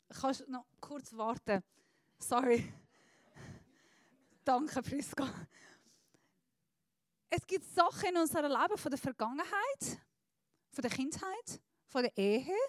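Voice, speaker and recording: A woman preaching a sermon into a handheld microphone, speaking slowly and deliberately, and swinging between soft passages and emphatic, louder ones. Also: high-pitched, dry recording. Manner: slow deliberate phrasing with pauses.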